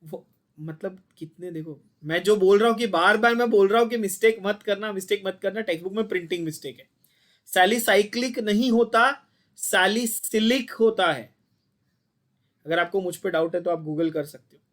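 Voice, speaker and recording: Man, high voice, chemistry teacher, online class, blunt, quizzing. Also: brisk, a bit bright. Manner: mixes Hindi and English, quizzes students constantly, blunt and scolding.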